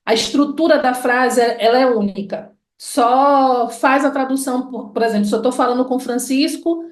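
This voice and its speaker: A Brazilian woman with a Bahian accent, an educator giving a lecture, slowly drawing out her example words. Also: high-pitched. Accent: Bahian Portuguese. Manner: deliberate, stretches out example words. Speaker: educator and researcher. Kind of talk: lecture explaining linguistics. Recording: echoey room.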